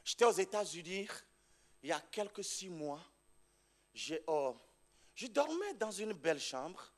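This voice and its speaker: A man preaching as a pastor in a church on a microphone, shouting exhortations and dropping to a low storytelling voice, laughing as he tells his story. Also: sing-song, unhurried. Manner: laughs while telling the story. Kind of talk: charismatic preaching with testimony. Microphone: handheld or stand mic.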